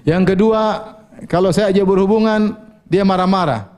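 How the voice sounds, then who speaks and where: A man's voice: high voice, moderate pace, a little mellow. A male preacher giving a sermon, asking the audience questions, answering them himself, and quoting Arabic scripture with translations.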